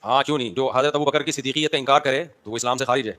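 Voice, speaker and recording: A man's voice: mid-range voice, fairly even intonation, fairly bright tone, clean tone. A man, an Islamic scholar answering audience questions, explaining patiently and checking whether listeners follow. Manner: explanatory, addresses listeners directly with rhetorical questions; brief acknowledgements between questions.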